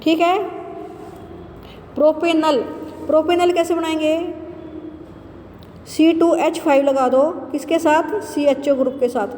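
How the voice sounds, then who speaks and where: A woman teacher giving a chemistry lesson, asking questions and answering them herself, repeating key terms slowly. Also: sits high, steady tone, mellow, a little hiss or hum. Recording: roomy echo with long reverb.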